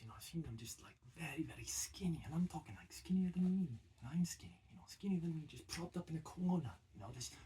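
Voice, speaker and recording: A man's voice: on the high side, warm tone. A man with a put-on Scottish accent gives a mock-serious comic warning, filling it with "you know" and dropping into whispers. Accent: put-on Scottish, attempted. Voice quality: very breathy. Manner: grave warning tone, heavy "you know" fillers, drops into whispers. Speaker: comedy sketch performer.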